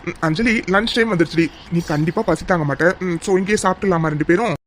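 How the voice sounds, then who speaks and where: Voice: mid-range voice, quick pace, slight background noise, natural voice. A performer voicing a teasing, protective young man. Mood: teasing reassuring. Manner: playful, reassuring, affectionate teasing. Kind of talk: animated cartoon story dialogue.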